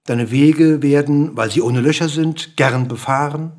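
Man voicing a hoarse, pushy little bird. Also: fairly high pitch, unhurried, darkish tone, natural voice. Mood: coaxing, lecturing. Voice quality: hoarse, hissing. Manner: insistent, lecturing, bossy. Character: small grey pushy hissing bird. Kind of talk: storybook reading.

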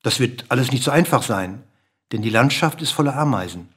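A man voicing a small grey bird in a storybook reading, with a hoarse, hissing, bossy manner. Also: mid-range voice, expressive, brisk, a bit bright. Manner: insistent, lecturing, bossy.

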